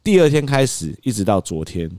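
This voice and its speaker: Animated dad storyteller. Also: male voice, lowish voice, a little fast, no echo, clean studio sound. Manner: animated, acts out quotes, laughs often. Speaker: podcast host. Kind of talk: casual storytelling.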